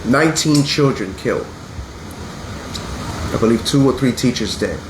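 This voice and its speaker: A man in his thirties hosts a casual wrestling podcast, his mid-range voice lively in intonation and moderate in pace. A sinus infection leaves him congested, and his earnest, blunt talk turns to swearing when he gets upset. The room is echoey with a faint hum.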